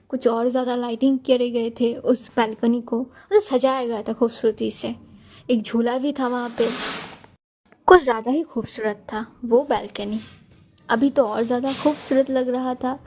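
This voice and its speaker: A woman's voice: on the high side, creaky, darkish tone, slight background noise. A young woman narrating a romance story in a chatty, casual way, talking straight to her listeners. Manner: chatty, talks to listeners directly.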